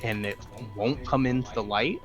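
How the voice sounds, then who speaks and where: A man narrating as game master of a tabletop game over a voice call, hesitant with many filler pauses. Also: mid-range voice, faint music behind.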